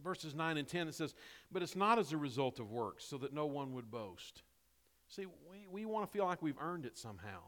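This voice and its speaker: A male pastor with a rather high voice, preaching a sermon while his voice turns hoarse. He pushes key lines hard, then sinks into low, quiet asides. The sound rings out with a long reverb of a big sanctuary. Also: sing-song, normal speed. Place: church sanctuary. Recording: long reverb of a large hall.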